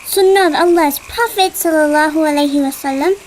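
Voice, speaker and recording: A woman's voice: high voice, brisk, a little mellow, slight background noise, lightly acted, low-quality recording. A woman voicing a curious young boy in a dubbed cartoon, who keeps asking why. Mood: curious, questioning. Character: curious inquisitive young boy, Abdul Bari.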